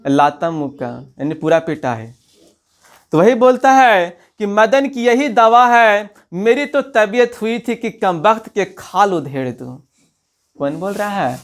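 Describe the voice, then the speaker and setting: A male Hindi teacher explains a textbook story line by line, reading a passage, retelling it in local dialect, and then questioning the listener. His voice sits high and is expressive, and he speaks at a slow pace.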